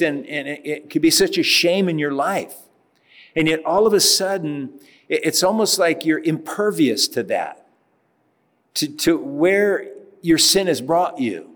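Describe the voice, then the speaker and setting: Male pastor, conversational sermon, fairly high voice, emphatic rises, long church reverb.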